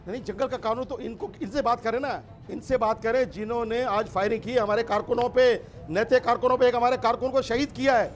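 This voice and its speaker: A middle-aged man in a heated television debate, his voice pitched very high as he talks over others. He hammers the same rhetorical questions again and again, angry and relentless. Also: fairly even intonation, fairly quick, hardly any pauses, a little hiss or hum. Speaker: political party guest.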